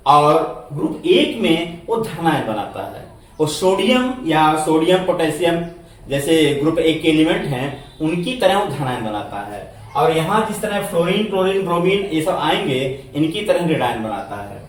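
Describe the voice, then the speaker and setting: A man teaching a chemistry lesson to students, speaking slowly, repeating words, spelling them out letter by letter and answering his own questions. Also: a little high, distant mic. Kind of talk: classroom lecture. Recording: echoey room, voice set back from the mic.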